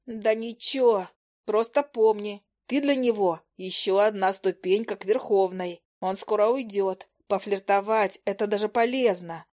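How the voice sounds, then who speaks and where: A woman's voice: medium pitch, fairly even intonation, a little slow, a little mellow, lightly acted. Storybook fairy read by a woman: tiny, cheeky, blunt, nagging her friend with a raised voice.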